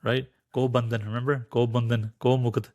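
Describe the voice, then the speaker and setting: A man's voice: medium pitch, normal speed, no room sound, clean studio sound. A man speaking as a podcast guest, explaining spiritual teachings and telling a parable, acting out the voices in his story. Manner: animated storyteller, acts out quoted voices.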